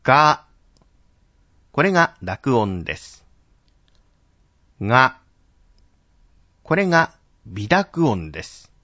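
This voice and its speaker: Male pronunciation teacher, measured and deliberate, expressive intonation, dull lo-fi sound. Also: medium pitch, dry recording. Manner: slow, careful enunciation of syllables. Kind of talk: Japanese pronunciation drill.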